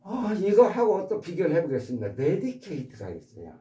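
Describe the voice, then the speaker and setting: A man's voice: sits high, huge pitch swings, a little fast, warm tone, roomy sound, dull audio. A man teaching English vocabulary to his subscribers, repeating each word and demonstrating its stress patterns. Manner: addresses subscribers politely. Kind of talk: explanatory vocabulary lesson.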